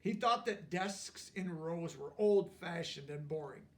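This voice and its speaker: A notably high-voiced man takes his time reading a children's story aloud, recorded from a distance. Lively and expressive, he breaks off now and then to explain the words and pictures for the kids.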